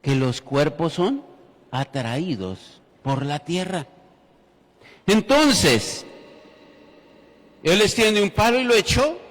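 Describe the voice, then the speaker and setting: Slow, higher-voiced man preaching. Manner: storytelling with humor, addressing the congregation. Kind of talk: sermon. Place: church. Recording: reverberant church hall.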